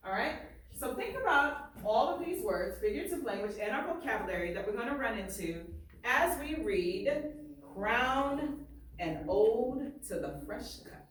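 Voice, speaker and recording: She's a very animated teacher with a slightly high voice, reading to her class at an unhurried pace and frequently turning to the children with questions. The recording comes from a mic far off in an echoey room, with faint noise.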